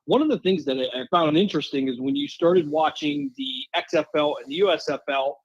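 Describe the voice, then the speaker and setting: A man's voice: on the high side, big pitch swings, fairly quick, vocal fry, husky, dry recording. A man joining a sports talk show as a chatty, self-deprecating guest. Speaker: guest co-host. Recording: dull, dry remote line.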